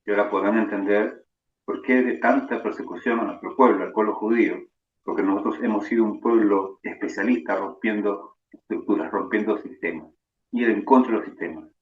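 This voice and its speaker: A man's voice: on the low side, steady tone, brisk. A man with a Rioplatense accent, a rabbi giving a sermon-style lecture and telling stories while he keeps adding "¿no?". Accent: Rioplatense Spanish. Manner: keeps adding "¿no?" tags, storytelling. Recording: echoey, dull, distant.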